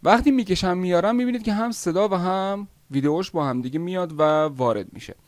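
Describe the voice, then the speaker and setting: A man teaching video editing software step by step in a screen-recorded tutorial, pausing often with "uh" as he explains. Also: sits high, no room sound. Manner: step-by-step explaining, with frequent "uh" pauses.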